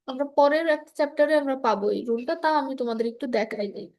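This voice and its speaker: A woman teaching a children's Quran reading class, explaining slowly and modelling each sound. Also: high-pitched, darkish tone. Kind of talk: online kids class lesson.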